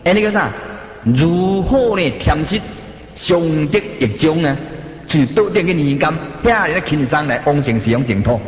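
Brief: male Buddhist preacher, Taiwanese Hokkien accent, lively delivery, muffled sound in a reverberant hall. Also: a little high. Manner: chanting, slow and rhythmic. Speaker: Buddhist teacher. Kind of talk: sermon. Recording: dull, echoey hall.

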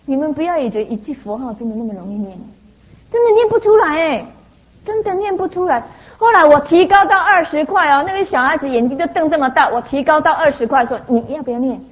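A woman's voice: sits high, quick pace, highs cut off. A woman giving a Buddhist sermon, telling stories with lots of "ah" fillers. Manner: lively anecdotal telling, frequent "ah" fillers. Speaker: Buddhist teacher.

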